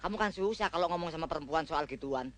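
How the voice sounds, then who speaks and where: A man's voice: a little high, lively intonation, quick pace, fairly bright tone. An actor playing a cocky young man who bosses and teases his friend, barking exercise counts and lecturing him in a film comedy. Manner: bossy, teasing, barks exercise counts. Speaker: friend coaching a groom. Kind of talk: 1980s film comedy acting.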